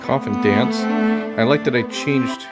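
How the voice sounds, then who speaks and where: A gaming video host gives casual, understated let's play commentary, musing aloud as he plays. His medium-pitched voice has a measured pace, with game music playing behind it.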